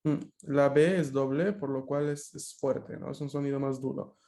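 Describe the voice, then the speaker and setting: A man's voice: medium pitch, steady tone, normal speed, mellow. A man teaching a language class over a video call, explaining patiently with frequent fillers and checking questions.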